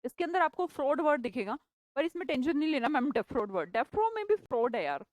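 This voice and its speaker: A woman's voice: sits high, sing-song, quick pace, no echo. A woman teaching English vocabulary in a live online class, chatty and playful, teasing her students by name.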